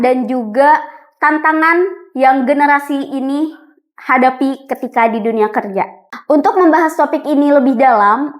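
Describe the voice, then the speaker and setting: High-voiced young woman hosting a podcast. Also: fairly bright tone. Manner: chatty, many fillers. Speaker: podcast host. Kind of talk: casual podcast chat.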